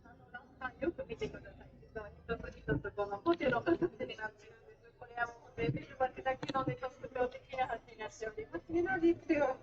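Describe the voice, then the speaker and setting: High-voiced tour guide woman, distant and echoey. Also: expressive, fast, few pauses. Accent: Japanese. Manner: chatty, switches languages, leads crowd clapping. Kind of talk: live tour guiding in Japanese and English. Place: tour boat on a canal, outdoors. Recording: distant, echoey, dull, crowd behind. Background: crowd noise.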